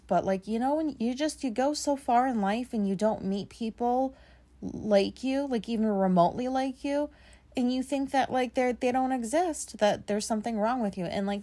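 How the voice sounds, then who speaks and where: This podcast host, a woman in her thirties, talks on her own show in a casual, meandering manner full of fillers, with some cursing. Her raspy voice is medium in pitch and mellow.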